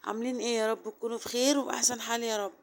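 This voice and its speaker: Fast-talking hoarse Egyptian woman. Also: a little high, steady tone, slight background noise. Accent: Egyptian Arabic. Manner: chatty, rambling, fond of fillers. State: sore throat, strained hoarse voice. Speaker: home vlogger. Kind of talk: casual chatty vlog narration.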